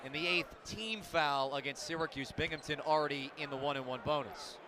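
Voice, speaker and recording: Calling a basketball game live for radio, this American man speaks a little high and a little fast. His calls are clipped and descriptive, climbing on big plays, while the indoor arena's game noise and bouncing balls come through clearly.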